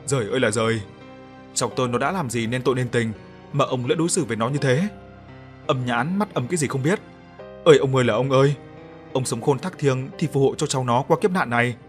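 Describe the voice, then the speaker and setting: A man voicing a grieving old grandmother who loudly laments and cries out to her late husband, read over soft music. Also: medium pitch, fast talker, natural voice. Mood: wailing.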